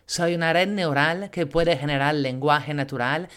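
A narrator voices a female-gendered AI chatbot that swings between pleading and gushing, stacking one repeated phrase on another. The voice is smooth and clear. It stays at an ordinary middle pitch. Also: unhurried, a bit bright, close to an everyday voice. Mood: confessional.

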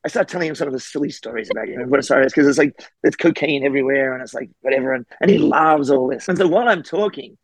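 A middle-aged Australian man, a guest historian and author, telling a casual story with lively acted-out quotes. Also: medium pitch, quick pace, few pauses, no room sound. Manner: animated, acts out quoted voices.

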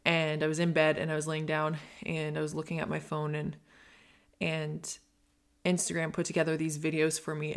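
A woman in her twenties hosting a solo podcast, talking in an earnest, reflective and rambling way with many fillers. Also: sits low. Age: 20s. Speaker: podcast host. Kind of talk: casual solo podcast monologue.

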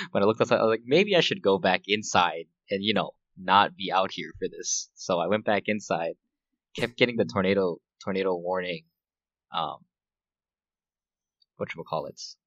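A man's voice: sits low, expressive, moderate pace, long pauses, fairly bright tone, no room sound, highs cut off. A man co-hosting a podcast, telling a story in a laid-back way and laughing often. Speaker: podcast co-host. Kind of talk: casual chat.

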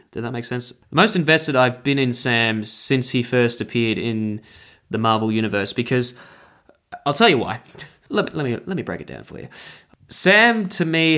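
A man's voice: medium pitch, fairly bright tone, clear, resonant tone. Chatty man rambling through a TV review. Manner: rambling, self-correcting, chatty. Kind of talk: casual spoken review.

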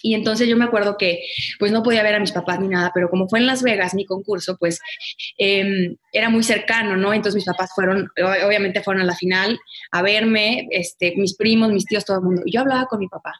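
Woman, thirties, interview guest, lively storyteller. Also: mid-range voice, fairly quick. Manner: animated storyteller, acts out quotes. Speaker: guest, former pageant winner. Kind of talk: casual interview conversation.

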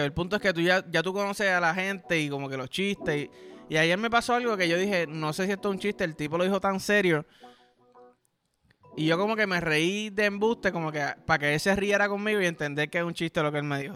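A man's voice: high-pitched, a bit bright. A young Puerto Rican man hosting a podcast, telling a rambling, profane comic story in a casual monologue. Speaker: podcast host.

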